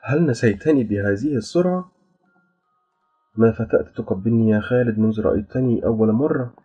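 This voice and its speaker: A man's voice: medium pitch, a little fast, breathy edge, close to an everyday voice. A man voicing a beautiful, playful and proud young female jinn who speaks with a teasing, smiling delivery. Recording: dull lo-fi with faint music.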